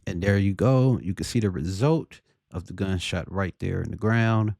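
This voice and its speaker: A man giving casual opinion commentary on a video, deliberately, often checking for agreement with rhetorical questions. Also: low-pitched, vocal fry, a little mellow.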